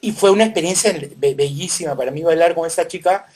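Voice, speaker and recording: Middle-aged Peruvian man, podcast co-host, laid-back storyteller, filler-heavy. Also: a little high. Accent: Peruvian Spanish. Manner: warm reminiscing, unhurried, many fillers. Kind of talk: casual chat.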